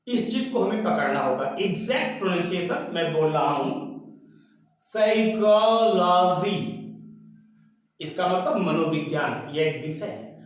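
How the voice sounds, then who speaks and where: An older man teaching pronunciation, who talks deliberately and spells out sounds and repeats words slowly. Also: high voice. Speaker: English teacher. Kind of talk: pronunciation lesson. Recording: very echoey room, voice from far off the mic.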